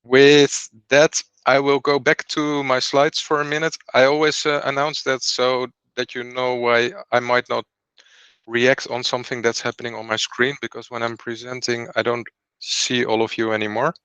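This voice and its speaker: Guy presenting on a video call, bright crisp voice, dry close sound, explains everything step by step. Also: mid-range voice, level tone, moderate pace, no room sound. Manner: clear, organized, explains as he goes. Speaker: program host and startup founder. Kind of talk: online presentation.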